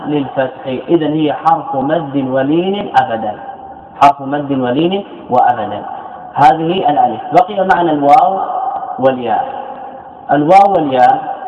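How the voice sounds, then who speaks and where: A man's voice: a little high, a little hiss or hum. A man teaching grammar as a scholar in a classroom lecture. He repeats key phrases and asks questions that he answers himself. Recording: tinny echoey lecture hall recording.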